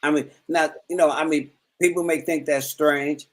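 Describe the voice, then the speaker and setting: A man's voice: fairly high pitch, fairly even intonation, normal speed, rough recording. A man co-hosting a casual chat, explaining his point earnestly and at length, often repeating words as he goes. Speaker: co-host.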